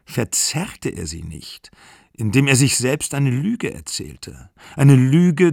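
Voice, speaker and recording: A man reading a literary novel aloud as an audiobook, measured and even in a studio. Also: lowish voice, dry recording. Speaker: audiobook reader.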